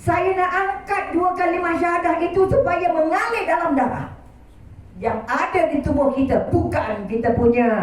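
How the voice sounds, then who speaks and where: A woman with a Malaysian Malay accent delivers a sermon in a high voice, dramatic and prayerful, dropping from loud appeals to hushed pleas. She is caught from a distance in a very echoey prayer hall, with faint noise behind her. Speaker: religious lecturer.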